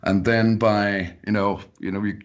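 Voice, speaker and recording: Deep-voiced Danish man stammering restarts. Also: flat delivery, unhurried, muffled recording. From Denmark. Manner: many repeated words and restarts. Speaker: podcast guest. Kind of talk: casual interview talk. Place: Colorado.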